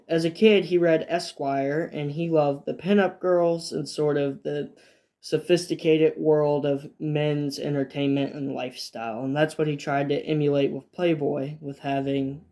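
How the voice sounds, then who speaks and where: A man's voice: on the high side, dark tone. A man hosting a history video, reading scripted lines about dates and events and breaking off into offhand asides with fillers and restarts. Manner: fillers and restarts between points. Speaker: video essay host. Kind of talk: semi-scripted history narration.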